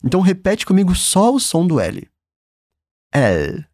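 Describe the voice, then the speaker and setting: A Brazilian-accented man leads a language lesson in a fairly high, very lively voice. He is patient and encouraging, and sounds upbeat. The recording is dry and close. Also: fairly quick, creaky, no echo. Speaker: German teacher.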